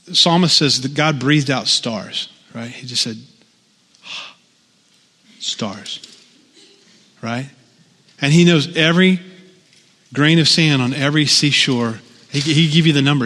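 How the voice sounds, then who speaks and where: A man's voice: on the high side, a bit bright. Man preaching in a reverberant hall. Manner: conversational, frequent "right?" asides. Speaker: pastor. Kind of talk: sermon.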